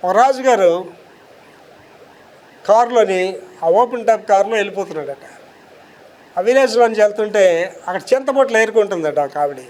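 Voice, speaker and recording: A male pastor preaches in a notably high voice with emphatic, insistent delivery. He poses rhetorical questions and reads scripture slowly and deliberately. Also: animated, a little mellow. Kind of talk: sermon.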